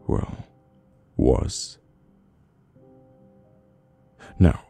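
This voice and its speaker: A voice actor with a British accent plays a cold, dominant mafia boss in an ASMR audio roleplay, delivering a slow, dramatic monologue in a measured, commanding way with long deliberate pauses. His very deep voice is creaky and warm, heavily acted, and the mood is grim and pressing.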